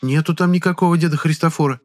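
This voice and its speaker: A man's voice: fairly high pitch, fairly even intonation, fast, voice pushed up, natural voice. A man voicing a chatty, sly elderly peasant widow who talks in a folksy sing-song.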